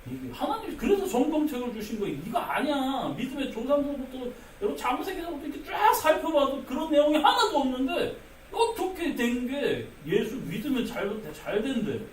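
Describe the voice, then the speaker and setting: Animated pastor preaching in an echoey church. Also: male voice, very high voice, fairly quick, slight background noise. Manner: emphatic, repeats "여러분" often, acts out quoted voices. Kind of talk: sermon. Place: church sanctuary. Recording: echoey sanctuary, mic at a distance.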